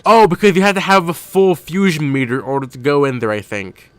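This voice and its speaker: On the high side and a little fast, this streamer's smooth voice is recorded with no room sound. He provides casual live commentary while gaming, thinking out loud in a rambling manner and often fixing what he says mid-sentence.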